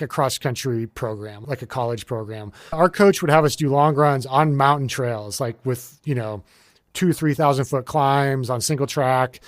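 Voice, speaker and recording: A man's voice: medium pitch, dry recording, studio quality. A man in his forties from the United States, a guest in a casual interview who rambles with many fillers and restarts. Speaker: guest, ultrarunner.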